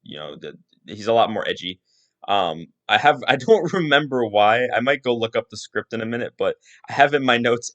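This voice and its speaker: A man hosts a casual solo podcast, rambling through his thoughts with plenty of restarts and asides. His voice sits on the low side and has a slight brightness.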